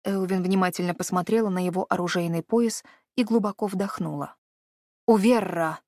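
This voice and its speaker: Female audiobook narrator, steady fantasy reading, dead-dry studio. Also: lowish voice, brisk, dry recording.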